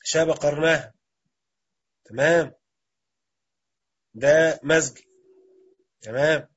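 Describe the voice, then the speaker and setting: A man's voice: on the high side, slow, fairly bright tone, breathy edge, highs cut off. A man with an Egyptian Arabic accent teaching Arabic grammar in a classroom lecture, quizzing students and repeating their answers.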